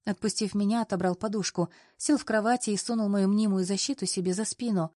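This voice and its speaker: A woman narrating a novel in the first person, with a lively and expressive reading. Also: mid-range voice, brisk, dry recording, studio quality. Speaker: audiobook narrator.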